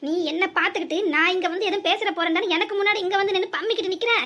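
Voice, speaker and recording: A woman voicing a sharp-tongued old village mother-in-law in a cartoon, with a southern Tamil accent and long scolding rants. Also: very high-pitched, racing. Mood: indignant. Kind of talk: cartoon voice acting.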